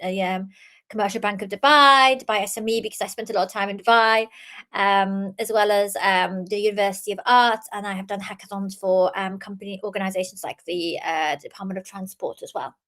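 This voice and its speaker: A woman's voice: mid-range voice, fairly even intonation, brisk, fairly bright tone. A young adult woman, born in Iran, giving an earnest talk as an author and innovation speaker, with many ums and restarts. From Iran, raised in the UK. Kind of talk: talk presentation.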